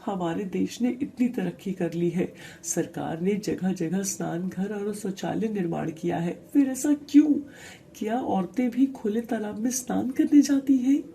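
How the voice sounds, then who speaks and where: A woman voicing an earnest young man back from his studies in the city, pressing his father about village life in an animated story. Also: fairly low pitch, a little slow, gravelly, hardly any pauses, a little hiss or hum. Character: educated young village son, earnest reformer.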